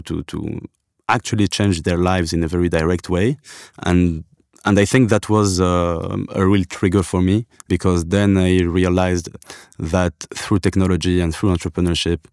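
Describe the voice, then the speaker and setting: A man from Algeria speaks in a deep, low register, weighing his words as a podcast guest. He pauses often and circles back to restart his thoughts. The sound is close and dry, with no room around it. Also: darkish tone, no echo. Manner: thoughtful, hesitant with frequent restarts. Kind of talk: podcast interview.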